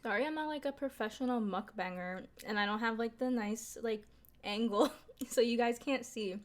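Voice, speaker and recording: Her pitch sits fairly high and her pace is moderate. She's a young vlogger eating on camera in a relaxed mukbang, chatting casually to her audience with lots of fillers and some mild swearing.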